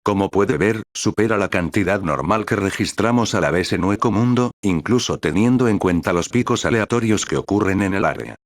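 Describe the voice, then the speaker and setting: A man's voice: sits low, animated, moderate pace, hardly any pauses, dry recording, studio quality. A man voicing an irritable, sneering male scientist captain with a snappish, complaining manner. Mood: irritated.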